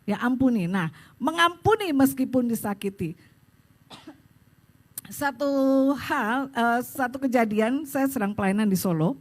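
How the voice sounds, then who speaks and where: High-voiced woman pastor preaching. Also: unhurried, long pauses. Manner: animated storytelling, addresses the congregation directly. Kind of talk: sermon. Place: church service.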